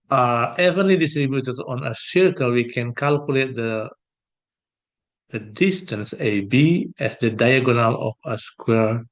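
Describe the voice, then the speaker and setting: A man working through an exam problem as a math tutor, thinking aloud with pauses and fillers. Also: medium pitch. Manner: slow, hesitant, thinking aloud while sketching. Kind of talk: exam solution walkthrough.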